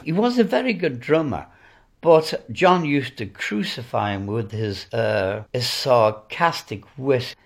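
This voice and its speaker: A man's voice: medium pitch, expressive, slow. A man with a Welsh accent, a former club owner and band manager, recalling old times in an interview with a dry, wry storytelling manner.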